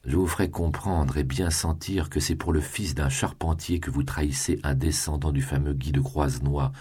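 A man giving voice to an ambitious young man of humble birth, proud and defiant, from a storybook. The voice is very deep and very husky, with plenty of breath in it. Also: fairly even intonation, moderate pace, warm tone, heavily acted. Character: young ambitious peasant-born male tutor, proud.

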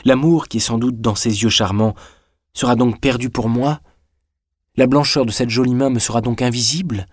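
A man's voice: medium pitch, fairly even intonation, moderate pace, slightly rough, dry recording, studio quality, pitched above the performer's own voice, lightly acted. A man reading aloud, voicing a calculating young man who speaks firmly and resolutely. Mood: tender.

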